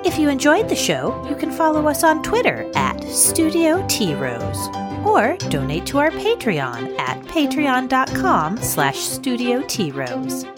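A woman reading the closing credits of a drama podcast in a brisk, clear announcing manner. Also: high-pitched, wildly swooping pitch, loud music behind the voice. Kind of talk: scripted credits read-out.

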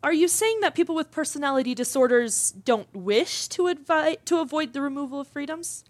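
In a fiction podcast, a woman plays an inquisitive, down-to-earth broadcast interviewer on a talk show, sounding curious and engaged. Her high voice is expressive and a little fast, with no room sound, in conversational scripted interview acting.

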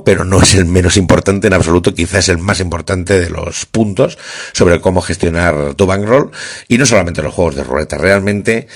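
A man's voice: sits low, husky. A man, hosting a podcast in a chatty way and repeating words for emphasis. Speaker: podcast host. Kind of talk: casual podcast talk.

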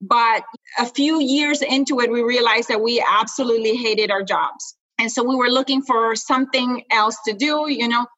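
A woman from Honduras, a guest entrepreneur, talking quickly and casually in an interview with many fillers. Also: a little high, fairly even intonation, fairly bright tone, muffled recording.

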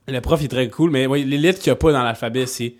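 A young man with a Québécois French accent co-hosting a podcast, rambling, laughing often and half-shouting words for fun. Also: mid-range voice, quick pace. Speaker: podcast co-host. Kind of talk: casual chat.

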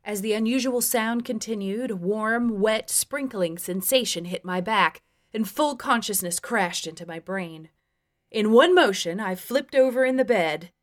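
A woman's voice: medium pitch, a little slow. Frank woman narrating her memoir. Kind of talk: first-person memoir narration.

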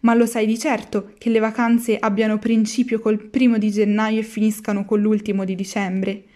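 A woman's voice: mid-range voice, little pitch movement, moderate pace, dark tone, natural voice. A woman voicing an eager wooden puppet boy who is easily tempted, asking wistful questions. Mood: doubtful.

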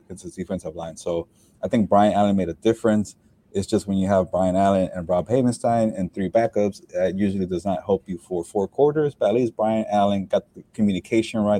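A man's voice: low voice, slightly rough. A young man, a sports beat reporter, chatting casually on a post-game podcast from inside a stadium, rambling with lots of fillers. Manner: relaxed and rambling, with many fillers and restarts. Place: inside a stadium, speaking quietly with people working around him.

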